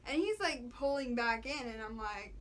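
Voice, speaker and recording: A young American woman chatting casually as a vlogger, telling a story in an animated, slangy way and quoting the dialogue. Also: a little high, normal speed. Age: young adult. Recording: clear background noise.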